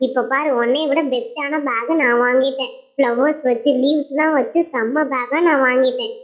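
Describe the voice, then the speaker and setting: A woman's voice: high-pitched, fairly even intonation, normal speed, lightly acted. A woman voicing a jealous, spiteful schoolgirl doll in a doll show, talking in a taunting, scornful way. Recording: tinny, phone-like sound.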